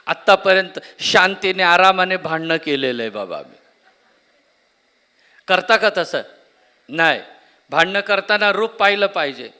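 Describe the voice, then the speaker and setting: Bright, high-voiced preacher. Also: male voice. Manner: asks the congregation questions and repeats key words. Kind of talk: Marathi sermon. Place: church conference hall.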